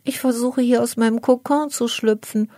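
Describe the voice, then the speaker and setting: A woman voicing a small, timid young ladybug girl in a children's storybook, speaking in a high, small, anxious voice. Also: fairly even intonation, normal speed, dark tone, no echo, studio quality, natural voice. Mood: timid, pleading.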